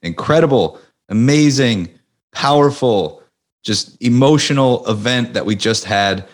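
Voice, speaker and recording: A man hosting a podcast in an energetic, motivational way, still recovering from losing his voice. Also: mid-range voice, a little slow. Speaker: podcast host. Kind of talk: casual podcast monologue.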